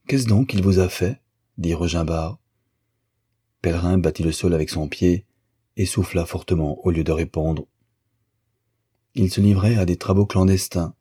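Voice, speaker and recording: A man reading a literary novel aloud as an audiobook narrator, in a measured, even way. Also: deep voice, slightly rough.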